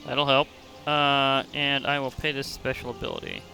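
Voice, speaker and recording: A man's voice: medium pitch, animated, normal speed, creaky, music in the background. A man giving casual, chatty commentary while playing a digital card game, thinking aloud and laughing often. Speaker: gaming channel host.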